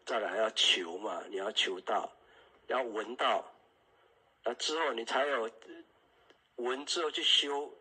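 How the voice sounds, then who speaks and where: A man leads an evening Dharma class with a husky, breathy edge to his voice. His tone is bright and forward. He explains Buddhist terms patiently, softening his sentences with drawn-out particles and frequent checks with the class. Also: mid-range voice, low-quality recording.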